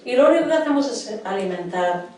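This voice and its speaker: A woman's voice: medium pitch, lively intonation, fast, dark tone, recorded from a distance. A middle-aged woman from preaching a sermon in a church hall, earnestly questioning her congregation. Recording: echoey hall, voice from afar.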